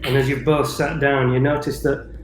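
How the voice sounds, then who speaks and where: A man narrating as dungeon master, relaxed and halting with fillers. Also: mid-range voice, reverberant, noisy background. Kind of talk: narrating a tabletop game.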